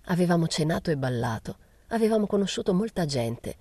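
A woman reading a novel aloud in a measured first-person narration. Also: on the low side, sing-song, mellow, dry recording. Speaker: reader.

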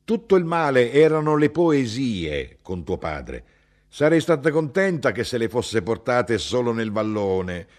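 A man reading the part of a blunt, indignant middle-aged mother who talks in a sharp, insistent way. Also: animated, a little slow, lightly acted. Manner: sharp, insistent, rising in pitch.

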